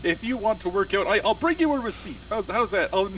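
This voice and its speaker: Animated man playing a tabletop game. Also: high-pitched, a little fast, recorded from a distance, a little hiss or hum, poor audio. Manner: lively, animated, laughs often. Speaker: player. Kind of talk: in-character tabletop play.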